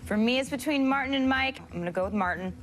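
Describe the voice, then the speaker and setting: A woman's voice: high voice, quick pace, soft background music. A woman on a reality show panel who states her views frankly and laughs as she makes her points.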